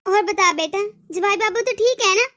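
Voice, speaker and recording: A woman's voice: very high voice, normal speed, pushed and bright. A woman doing a tired, evasive old mother. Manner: hesitant, stammering excuses.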